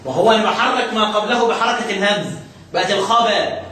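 A man with an Egyptian Arabic accent teaching Quran recitation rules step by step, questioning his student and drawing out recited verses slowly. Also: sits high, sharp tone. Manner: questioning, step-by-step explaining, slow drawn-out recitation. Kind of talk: tajweed lesson with a student. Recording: very echoey room, mic far off.

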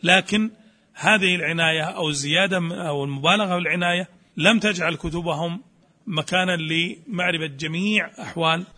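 Man, scholarly lecturer, high bright voice, brisk delivery, poses questions and answers them. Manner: asks rhetorical questions and answers them himself. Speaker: teacher of Quranic studies.

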